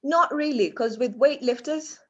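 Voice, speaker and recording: A woman's voice: sits high, measured pace, a bit bright, slightly rough, dull audio. A woman from Kenya with a Kenyan accent, talking casually and chattily as an athlete being interviewed, often repeating phrases for emphasis.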